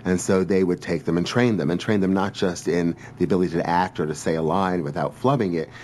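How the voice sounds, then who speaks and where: A man speaking in a measured, articulate way in a documentary interview. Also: low-pitched, fairly even intonation, darkish tone, a little hiss or hum.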